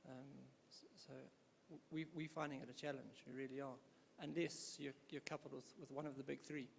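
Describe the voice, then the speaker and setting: A man's voice: medium pitch, little pitch movement, brisk, vocal fry, a little hiss or hum. A man from KwaZulu-Natal, a hospital developer in a conference audience, speaking hesitantly with many fillers and restarts. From South Africa, KwaZulu-Natal. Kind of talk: audience question at panel. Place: conference hall. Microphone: handheld audience microphone. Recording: hall reverb, faint ambience.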